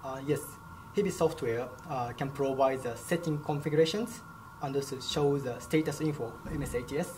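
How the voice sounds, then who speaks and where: Soft-spoken young man, careful halting answers. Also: mid-range voice, poor audio. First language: Japanese. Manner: careful, brief, halting phrasing. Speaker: product specialist. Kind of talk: answering interview questions. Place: company lab, indoors. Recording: lab background noise.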